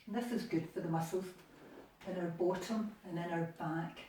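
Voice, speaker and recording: Scottish woman, exercise instructor, mellow and encouraging, distant mic in an echoey living room. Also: on the low side, fairly even intonation, normal speed, a little hiss or hum. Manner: encouraging, chatty. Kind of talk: guided exercise class.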